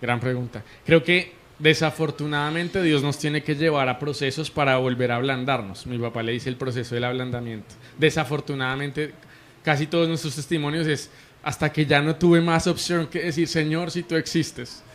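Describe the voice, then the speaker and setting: A man's voice: a little high, fairly even intonation, moderate pace, fairly bright tone. A man from Colombia with a Colombian Spanish accent, a prophet and interview guest, telling his faith testimony in an earnest, emotional way, often restarting his sentences. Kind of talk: conversational testimony.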